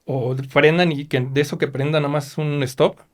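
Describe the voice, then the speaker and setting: A man's voice: fairly high pitch, normal speed. Mexican man telling shop stories. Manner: animated, acts out quoted dialogue. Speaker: race team chief mechanic. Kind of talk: storytelling in a casual interview.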